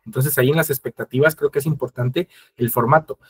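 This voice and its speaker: A husky, medium-pitched man presents an instructional webinar at a brisk pace. He walks his audience through things step by step, speaking to them directly and acting out quoted conversations.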